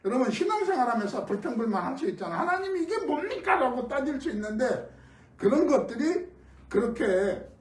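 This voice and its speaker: A middle-aged man from Korea preaching an early-morning sermon as pastor, telling stories in a conversational way with sudden loud emphases. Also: very high-pitched. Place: church sanctuary. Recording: echoey room, mic at a distance.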